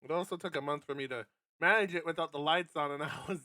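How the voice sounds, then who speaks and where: Talking fast in a sharp, slightly high voice, a man streams a game, mixing read-aloud commentary with wry, sweary asides and the odd stumble. The studio-quality audio has no echo, with guitar music from the game in the background.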